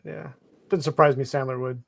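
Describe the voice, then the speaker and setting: A man's voice: medium pitch, little pitch movement, normal speed, vocal fry, a bit bright. A man chatting in an offhand, agreeable way as a guest on a live stream. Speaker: guest collector. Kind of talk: casual chat.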